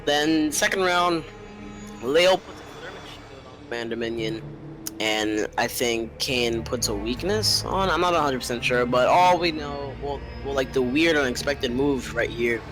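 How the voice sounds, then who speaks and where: A man's voice: medium pitch, animated, unhurried. A young man giving casual, joking commentary on a game match while his loose mic cable crackles and keeps cutting in and out. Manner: joking, easygoing. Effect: loose mic cable, sound cutting in and out. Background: loud game music.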